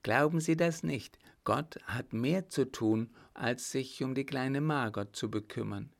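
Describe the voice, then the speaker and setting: A cruel baron who sneers, laughs and threatens, as a male reader plays him. The voice is slow and gravelly, lifted a bit above the reader's own. It is told like a storybook. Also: medium pitch, pitched above the performer's own voice. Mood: sneering. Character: scheming baron, mocking, cruel, self-assured.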